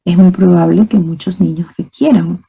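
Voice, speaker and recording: Woman with a dark, gravelly voice giving a teaching lecture. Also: fairly low pitch, steady tone, moderate pace, low-quality recording. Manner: explanatory, asks rhetorical questions, says "¿ok?" and "¿no?" often. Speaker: teacher trainer. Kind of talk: methodology lecture.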